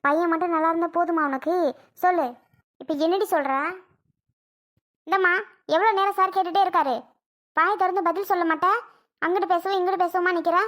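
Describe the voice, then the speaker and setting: A woman voices a stubborn rural mother in a family drama skit. She scolds and presses for answers with a high, sharp voice. She makes demands and does not budge. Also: steady tone, fairly quick, pauses often. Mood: demanding.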